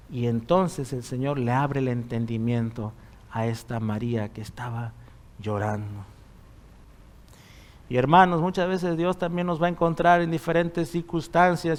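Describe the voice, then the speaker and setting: Man preaching a sermon. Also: fairly high pitch. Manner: conversational preaching, frequent rhetorical questions to the congregation. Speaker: pastor. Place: church.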